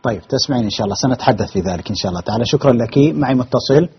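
A man's voice: mid-range voice, animated, very fast, slightly rough. A man hosting a religious call-in show, courteous and formal as he greets viewers and takes calls. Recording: dull muffled broadcast audio.

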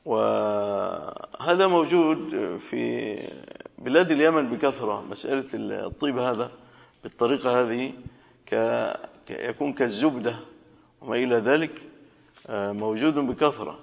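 A man's voice: mid-range voice, normal speed, vocal fry. A man teaching a religious lesson, reading a classical text aloud and explaining it in colloquial asides. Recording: dull lo-fi audio with long hall reverb.

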